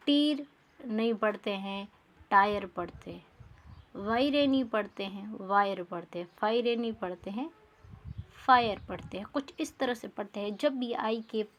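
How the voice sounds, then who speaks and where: A woman's voice: medium pitch, fairly bright tone, a little hiss or hum. A woman teaching English pronunciation rules, repeating each rule and asking the class questions.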